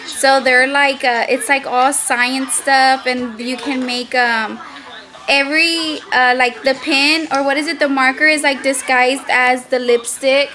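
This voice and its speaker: A woman's voice: sits high, fairly even intonation, unhurried, sharp tone. A young adult woman chatting casually to camera as a family vlogger, recorded on a phone held at arm's length. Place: home living room, later inside a car at night.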